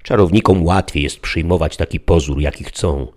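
A man's voice: extremely low pitch, normal speed, darkish tone. A man reading a lofty, deluded old knight. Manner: lofty, archaic, declamatory speech. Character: deluded proud knight-errant, older man, solemn and lofty. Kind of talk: audiobook character reading.

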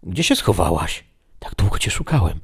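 A man playing a dazed nightmare-trapped guy, very low, husky, agitated, horror story. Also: very animated, moderate pace, full character voice. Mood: pleading. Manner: agitated, pleading.

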